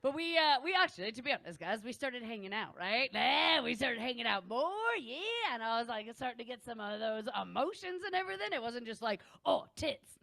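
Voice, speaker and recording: A woman performing a stand-up comedy set, animated and laughing between lines as she acts out quoted exchanges. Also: on the high side, fairly quick, gravelly, few pauses, dry recording. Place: comedy venue room.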